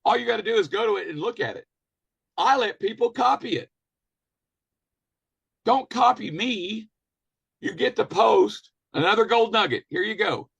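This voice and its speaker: Gravelly man giving emphatic business coaching. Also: high-pitched, fairly bright tone. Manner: emphatic, repeats commands and rhetorical questions. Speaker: business trainer hosting a weekly call. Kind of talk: motivational business training talk.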